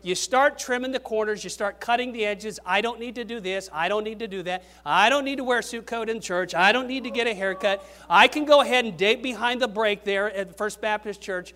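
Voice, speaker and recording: High-voiced older male preacher, emphatic. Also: fairly quick, few pauses, pushed and bright. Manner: emphatic, rising on key questions then dropping low. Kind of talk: sermon.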